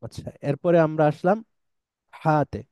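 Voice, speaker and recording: A man teaching Quranic letter pronunciation in a patient, explanatory way, modelling each sound slowly. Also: on the high side, dark tone, no echo. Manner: patient, models sounds slowly and recites verses in drawn-out chant. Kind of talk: explanatory lesson.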